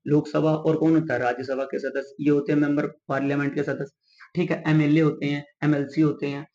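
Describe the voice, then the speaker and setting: A man's voice: a little high, dark tone. Teacher drilling his class, echoey room. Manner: drills by asking and answering his own questions; slowly spells out key terms. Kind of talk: whiteboard lesson. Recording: echoey room, dull lo-fi sound.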